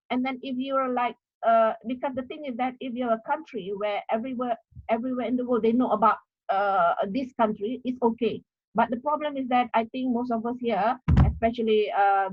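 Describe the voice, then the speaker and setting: A woman's voice: fairly high pitch, slightly rough, no room sound, lo-fi sound. A woman from Malaysia with a Malaysian accent, giving a lecture on academic writing, with frequent "uh" fillers and a checking "okay?". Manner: repeats and restarts, many "uh" fillers and checking "okay?". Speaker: university lecturer. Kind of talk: academic workshop talk.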